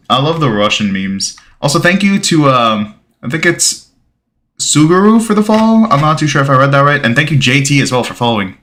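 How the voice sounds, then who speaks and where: Streamer: young man, Bulgarian-native, bright forward tone, rambling casual chat, reads chat and thanks followers. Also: mid-range voice. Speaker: gaming livestreamer.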